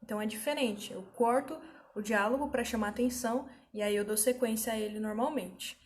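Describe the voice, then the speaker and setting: A woman, a little higher-pitched than most, teaching an online grammar class. She explains step by step and keeps checking in with her students as she goes. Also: brisk, darkish tone, slight background noise. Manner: patient explaining, frequent check-ins with students.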